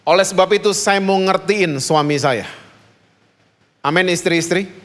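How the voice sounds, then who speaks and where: Male pastor from Indonesia, high voice, lively joking sermon, quizzes the congregation. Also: measured pace. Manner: jokey, asks the congregation questions.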